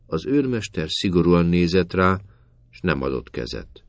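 A man reading a story aloud in a calm, measured way. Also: low-pitched, no echo. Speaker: narrator.

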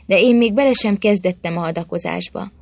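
A woman's voice: medium pitch, creaky, no echo. A woman voicing a stern male warrior chieftain in a storybook reading, commanding and declamatory.

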